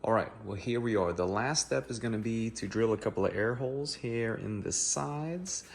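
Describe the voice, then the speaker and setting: A man's voice: lowish voice, normal speed. A man casually explaining a DIY project step by step as a hobbyist maker. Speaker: hobbyist maker and vendor showing a DIY build. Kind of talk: casual spoken build walkthrough. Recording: clear background noise.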